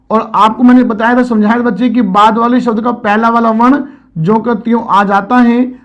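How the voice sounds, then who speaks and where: High-voiced male grammar teacher. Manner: explains step by step, keeps addressing students as children. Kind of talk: exam-prep grammar lecture.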